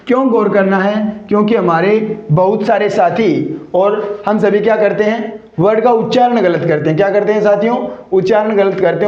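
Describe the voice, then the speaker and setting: A man's voice: sits high, darkish tone. Man, teacher, lecture, quizzing himself aloud, echoey room, dull lo-fi recording. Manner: repeats rhetorical questions and answers them himself. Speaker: English teacher. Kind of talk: classroom lecture.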